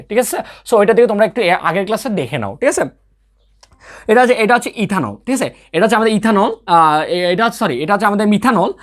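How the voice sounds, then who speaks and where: A young man teaching a recorded chemistry lesson. He keeps checking in with his students, answers his own questions and mixes English terms into his talk. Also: high voice. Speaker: chemistry tutor. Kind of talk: recorded online lecture.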